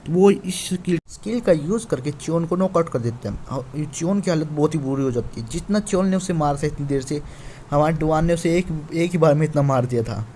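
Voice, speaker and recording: A man's voice: a little high, a little fast, dark tone, a little hiss or hum. A man casually retelling a manhwa chapter, with frequent restarts and fillers. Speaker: manhwa recap narrator. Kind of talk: casual story recap.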